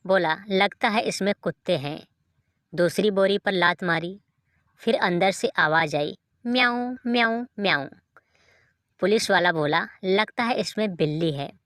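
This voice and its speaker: A woman reading short jokes aloud in an even storytelling delivery, as a dry close voice-over. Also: lowish voice, dry recording. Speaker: joke reader.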